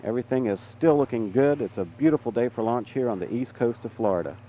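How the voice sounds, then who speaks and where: A man with an American accent giving measured, official countdown commentary as a mission control launch announcer. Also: medium pitch. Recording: dull, noisy public address feed.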